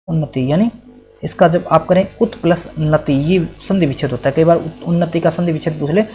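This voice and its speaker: A man's voice: fairly high pitch, a little mellow. A male teacher explaining exam quiz answers, asking questions and then answering them himself, often checking that the listener follows. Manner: asks and answers his own questions, checks in with "right?". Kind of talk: exam-prep quiz lesson.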